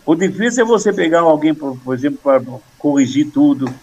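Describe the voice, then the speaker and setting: A man's voice: fairly high pitch, animated, fairly quick, darkish tone, lo-fi sound. Older man, earnest talker, faint noise. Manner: earnest, rhythmic when reciting, many restarts. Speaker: poet guest. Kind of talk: casual conversation, reciting verse.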